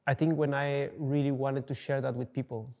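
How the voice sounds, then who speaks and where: Young man, interviewee, flat gravelly delivery, hesitant with fillers. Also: mid-range voice, moderate pace. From Peru. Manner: searching for words, many fillers and restarts. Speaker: coffee entrepreneur, interviewee. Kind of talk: casual interview answers. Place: dark studio, indoors.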